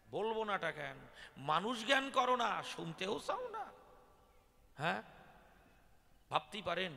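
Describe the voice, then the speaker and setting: A man's voice: fairly high pitch, creaky, pushed and bright. A man telling devotional stories to a gathered audience, often throwing rhetorical questions at them. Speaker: devotional folk poet-singer. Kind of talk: devotional storytelling discourse to a live audience. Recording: reverberant hall.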